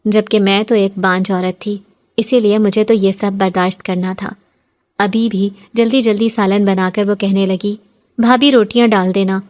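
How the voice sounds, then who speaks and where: Female horror storyteller, steady dramatic read. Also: medium pitch. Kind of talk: scripted horror story narration.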